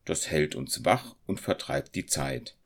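A steady carter in a storybook who speaks slowly and deep, with a calm, reassuring manner, voiced by a man reading the tale. He sounds unhurried. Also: full character voice. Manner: slow, reassuring.

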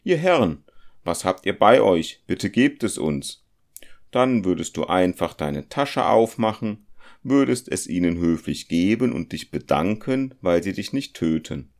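A man's voice: deep voice, sing-song, measured pace, heavily acted. A practical, unflappable craftsman talks his nervous friend down, as a man reading a story puts him on. His voice is firm, slightly raised and matter-of-fact. He sounds reassuring and mildly dismissive, in the manner of a storybook. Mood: persuading. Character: calm, practical male compass-smith traveller.

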